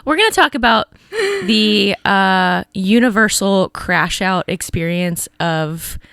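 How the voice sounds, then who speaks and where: A woman's voice: medium pitch, slow pace, creaky, a bit bright, clear, resonant tone, dry recording. A young woman hosting a podcast in a casual, teasing, rambling chat style. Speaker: podcast host.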